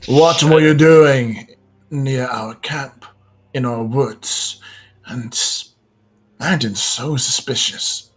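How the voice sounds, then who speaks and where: A man's voice: mid-range voice, extremely slow. A man voicing a sly, grinning male bandit captor who mocks and threatens his prisoner. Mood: menacing. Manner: mocking, menacing taunts.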